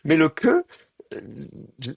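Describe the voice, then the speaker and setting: A man's voice: on the high side, wildly swooping pitch, takes it slowly, breathy edge, dry recording. A man teaching a live grammar lecture, thinking aloud with many fillers and restarts and speaking straight to his students. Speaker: Hebrew teacher.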